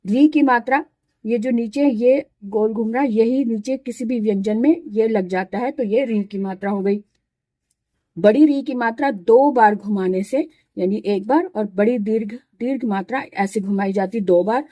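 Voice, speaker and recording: A woman with a fairly high, mellow voice patiently walks through a spelling lesson, sounding out each syllable and repeating it. The sound is dry and close, with no room echo behind her. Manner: explains slowly, repeating syllables aloud. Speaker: Hindi teacher.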